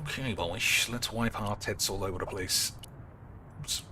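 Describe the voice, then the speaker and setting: A man streaming a game, making crude jokes and thinking out loud as he plays. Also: lowish voice, normal speed, slight background noise. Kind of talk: casual gameplay commentary.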